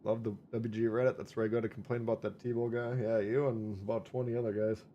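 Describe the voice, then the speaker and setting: A man with a Minnesota accent hosts a live gameplay stream in a loose, wisecracking way. He talks through his matches and answers viewer comments as they come in. His voice sits at an ordinary middle pitch. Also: flat delivery, fast talker, mellow, dull audio, a little hiss or hum. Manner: chatty, wisecracking, reads viewer chat aloud. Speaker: livestream gaming host.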